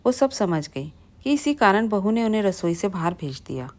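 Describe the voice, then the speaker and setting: A woman telling a moral family story at a steady pace. Her voice is middling in pitch, plain and even in delivery. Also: normal speed.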